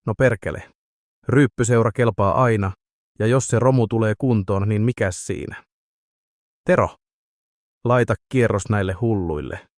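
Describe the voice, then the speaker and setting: A man voicing a gruff, blunt, weary male pub regular in an audiobook. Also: lowish voice, pauses often, a little mellow, no echo, clean studio sound, lightly acted.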